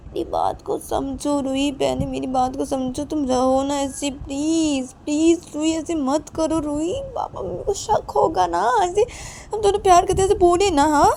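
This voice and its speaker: A woman doing a pleading young lover, anxious, high and rising, repeats herself, faint room hiss. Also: vocal fry, warm tone. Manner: repeats pleas over and over. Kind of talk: amateur story narration with voices.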